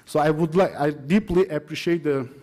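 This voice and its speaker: Mellow-voiced Kurdish-accented man presenting. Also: a little high. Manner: halting, non-native English phrasing. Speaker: academic conference presenter. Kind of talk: informal conference presentation with personal anecdotes.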